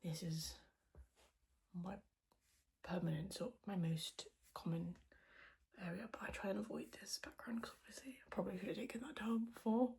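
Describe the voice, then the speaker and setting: Hushed, whispering woman chatting quietly. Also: medium pitch, steady tone, moderate pace, poor audio. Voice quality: whispered, breathy voice. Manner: hushed and quiet so as not to wake housemates; rambling, self-deprecating. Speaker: podcast host. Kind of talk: casual chat to podcast viewers.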